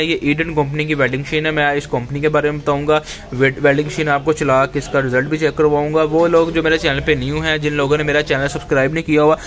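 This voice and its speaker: A man's voice: on the high side, fairly bright tone. A male shopkeeper giving a casual spoken product demo, often adding a filler of agreement, recorded indoors in a workshop. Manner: conversational, repeats "theek hai" as a filler. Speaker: shopkeeper reviewing machines. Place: workshop or tool shop, indoors.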